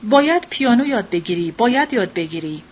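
A woman's voice: fairly high pitch, animated, slightly rough, lo-fi sound. A woman reading an anxious, proud young mother. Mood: insistent. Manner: emotional, insistent.

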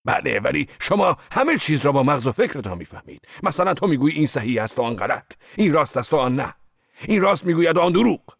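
A man's voice: on the low side, sing-song, gravelly, husky, dry recording, studio quality, voice pushed up, exaggerated voice. A man doing a fiery, blunt old laborer. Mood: fierce. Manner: loud, scornful, heated outbursts. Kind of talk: audiobook reading.

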